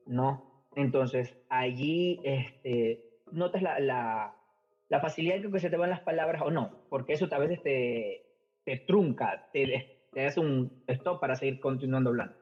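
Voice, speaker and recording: A podcast guest, a middle-aged Ecuadorian man, chats and tells stories at a moderate pace in a medium, slightly rough voice with an Ecuadorian Spanish accent. His speech is hesitant and packed with fillers and repeated words. The recording is muffled and lo-fi, with faint music in the background.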